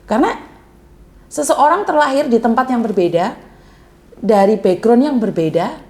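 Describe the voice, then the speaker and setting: On a Hong Kong call-in advice show, a woman with a fairly high voice hosts a live chat with a caller, speaking in an animated way at a normal pace. She is blunt and outspoken, describes her own way of talking as coarse, and never softens her words, mixing into her Indonesian as she goes.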